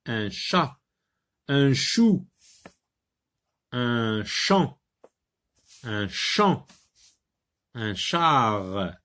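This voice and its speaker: A man teaching a French phonics lesson, repeating words and sounds slowly and deliberately, sometimes translating instructions into Arabic. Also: mid-range voice, big pitch swings, fairly bright tone.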